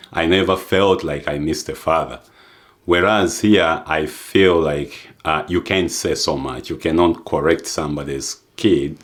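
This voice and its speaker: A young adult man from Uganda giving a reflective personal testimony, unhurried, with frequent fillers and restarts. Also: extremely low pitch. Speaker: adoptee sharing experience.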